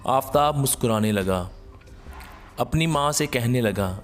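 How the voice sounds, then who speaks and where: A man narrating an emotional moral story in a slow, sorrowful storytelling manner. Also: medium pitch, lively intonation, soft background music.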